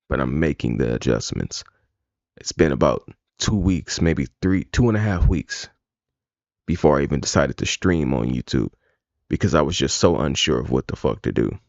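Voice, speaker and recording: Man, live-stream chatter, rambling and blunt, swears a lot, very deep voice, gravelly, dull lo-fi dry sound. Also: animated, moderate pace, a little mellow, dry recording. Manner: rambling, blunt and heavily profane. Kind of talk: casual live-stream talk.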